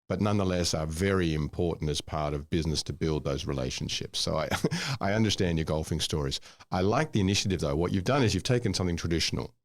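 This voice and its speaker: A man speaks in a very deep voice, recorded close and dry. He hosts in a reflective, affirming manner, picking up his guest's points. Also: dry recording. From Scotland, raised in Australia. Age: 50s. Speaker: host. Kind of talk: casual interview talk.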